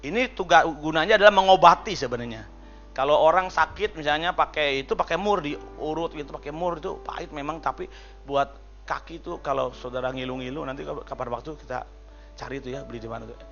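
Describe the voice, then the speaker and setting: A man preaching a sermon as pastor, lively and chatty, joking and calling out to the congregation. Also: fairly high pitch, a little fast, lo-fi sound, soft background music.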